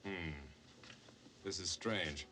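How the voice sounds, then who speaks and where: An actor playing a formal, officious building manager in a film. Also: male voice, low voice, extremely slow, sharp tone, slight background noise, full character voice. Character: pompous, formal male property manager.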